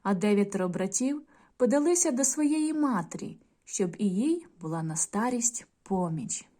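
A primary school teacher reads a folk tale aloud in a video lesson, addressing the children in a clear, measured storytelling manner. Her voice is mid-range, animated, and mellow.

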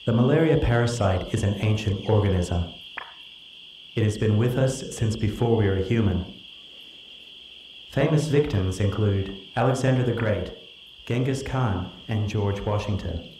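Male science documentary narrator, low mellow voice, measured scripted read, roomy hall playback. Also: slight background noise.

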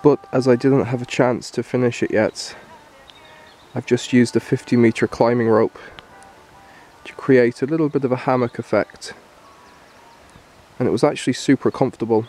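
A man giving a relaxed, explanatory walkthrough of his camp on a wooded hillside, recorded on a handheld camera. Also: mid-range voice, normal speed, faint music behind. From Ireland. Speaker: bushcraft instructor. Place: hillside woodland outdoors.

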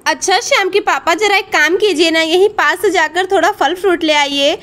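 A woman voices a kind village mother in a doll storybook tale. She speaks gently and patiently, and her voice is very high. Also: normal speed. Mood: caring. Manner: gentle, soothing, advising.

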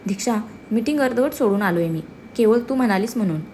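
A woman's voice: on the high side, expressive, fast, darkish tone, a little hiss or hum, close to an everyday voice. A woman voicing a blunt, protective young husband who gives orders. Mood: firm. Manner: blunt, commanding.

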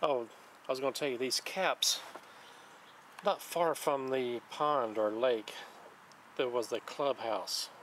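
On a wooden dock by a lake, a man hosting his own channel shows off his magnet fishing finds, calmly listing the items one by one in plain, unhurried show-and-tell narration. His voice is mid-range, with a little hiss or hum on the recording.

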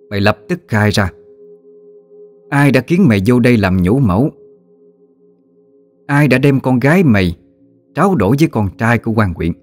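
A man's voice: lowish voice, darkish tone. A man voicing a stern, vengeful older mistress of a magistrate's house, harsh and threatening.

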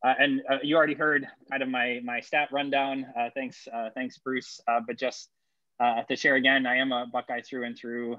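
A man's voice: mid-range voice, little pitch movement, normal speed, pushed and bright, dry recording. Man giving a talk on a dull, dry line. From El Salvador, raised in Ohio. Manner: loose, many fillers and repeated words. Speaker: engineering professor presenting research. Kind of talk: conference talk over video call. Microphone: video call.

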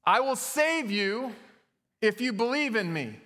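A pastor voicing a booming divine voice from above, speaking in slow, raised, deliberate pronouncements, with long reverb from a church hall. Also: male voice, animated, pushed and bright, exaggerated voice. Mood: solemn booming.

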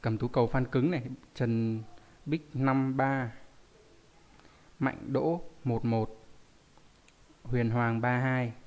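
A man's voice: mid-range voice, fairly even intonation, takes it slowly, long pauses, a little mellow. Man teaching a live online lesson. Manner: reads viewer names and explains readings, asking rhetorical questions. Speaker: Japanese teacher.

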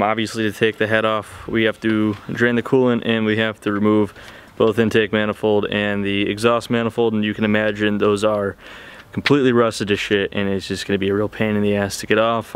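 A young man hosts a car-repair vlog out on a street, talking casually and swearing freely. His voice sits a little low. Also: clean tone. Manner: casual, profane, talks to camera. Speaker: channel host. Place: outdoors on a street beside a car.

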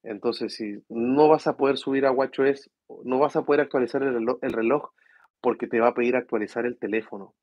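Guy, 30s, worn out, talking quiet at home so the kids stay asleep, kinda breathy and muffled, no room echo. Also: mid-range voice, fairly even intonation, brisk. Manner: speaks softly to avoid waking his children. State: tired. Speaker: host of a tech livestream. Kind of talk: casual live chat reading viewer questions.

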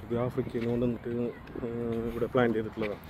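Fast-talking man outdoors. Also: medium pitch, little pitch movement. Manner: quick, offhand explaining and teasing. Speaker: companion on a park walk. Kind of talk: casual chat while walking. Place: outdoor lakeside park at night. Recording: phone video with loud outdoor background noise.

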